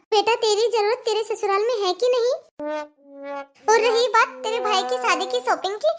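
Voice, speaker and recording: A woman voicing a patient middle-aged mother in a cartoon, calmly reasoning and coaxing her daughter. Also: extremely high pitch. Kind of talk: cartoon voice acting.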